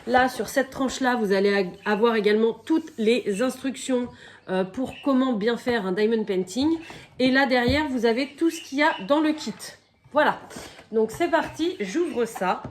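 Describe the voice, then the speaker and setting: A fairly high-voiced woman chats her way through an unboxing, casual and rambling, with a slight croak from a cold. She pads her talk with little fillers and breaks off to cough and apologize, over a faint hiss with small clicks. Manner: chatty, fills pauses with "donc" and "euh"; coughs and apologizes now and then. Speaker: crafting vlogger.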